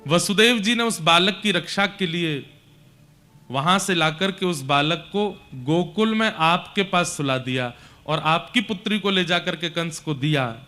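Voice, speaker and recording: Man, play a weighty old messenger in a storytelling sermon: drop your voice low and quiet, hesitant as he breaks hard news. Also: expressive, measured pace, faint music behind. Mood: sorrowful confession. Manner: low, hushed and reluctant, confessing a hard truth. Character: grave elderly male royal messenger, hesitant.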